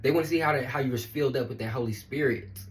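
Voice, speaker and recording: Slangy man, hyping viewers up like a life coach, loose and animated, laughing and cussing. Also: medium pitch, very fast, slight background noise. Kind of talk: casual motivational monologue.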